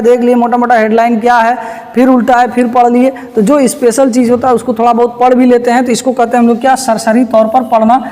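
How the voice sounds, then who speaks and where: A woman with a high, bright-pitched voice teaches through past exam questions one at a time. She keeps posing rhetorical questions and answering them herself, and she repeats each key term. The sound rings with a long, lingering reverb. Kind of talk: recorded lesson solving past exam questions. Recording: long reverb, echoey room.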